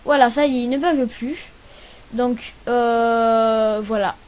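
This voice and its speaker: A young woman with a high voice walks through a casual computer tutorial. She talks hesitantly, trailing off and restarting often. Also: steady tone, slow, a little mellow. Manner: hesitant, many fillers and restarts. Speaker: tutorial host. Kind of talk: casual screen-recording tutorial.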